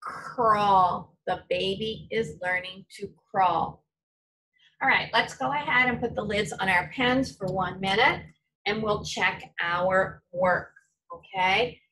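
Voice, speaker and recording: A woman teacher leads a recorded reading lesson for young children. She speaks slowly and deliberately, with her pitch sitting in the middle of the range. She spells words out letter by letter and praises correct answers. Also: bright, forceful tone, rough recording. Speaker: elementary school teacher.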